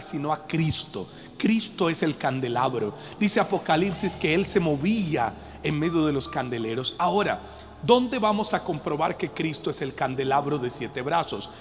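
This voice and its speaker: Man, pastor, sermon-style Bible teaching, emphatic, slightly high voice, long hall echo, faint music behind. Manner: emphatic, calls on the congregation to respond. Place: church hall with a live audience.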